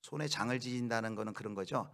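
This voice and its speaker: A man preaching a sermon as pastor, shifting from quiet explanation to loud acted-out outbursts. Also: lowish voice, quick pace, gravelly.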